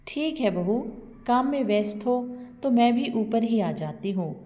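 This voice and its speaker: A woman voicing a gentle, trusting elderly widowed mother who pleads meekly, in a storybook reading with long reverb. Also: on the high side, expressive, a little slow. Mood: pleading. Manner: meek, pleading.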